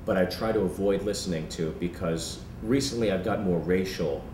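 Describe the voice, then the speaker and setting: Low-voiced comedian guy chatting, earnest, kinda far from the mic, echoey room with faint hum behind. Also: brisk. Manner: earnest, animated, repeats words when keen. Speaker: comedian guest. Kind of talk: casual interview talk. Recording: roomy sound from a distant mic.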